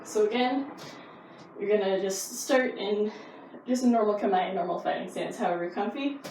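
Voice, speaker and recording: A woman's voice: mid-range voice, moderate pace, a little mellow. A woman karate instructor explaining techniques in a casual, easygoing, informal way. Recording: roomy echo, distant mic, faint noise.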